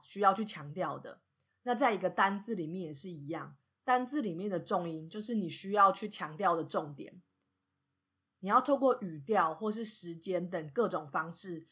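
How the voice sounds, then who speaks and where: A woman explains English pronunciation in a podcast lesson. Her voice sits slightly low and has a husky, breathy grain. She lays out each point patiently and in order. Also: a bit bright. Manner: patient, methodical explaining, starts sentences with "那".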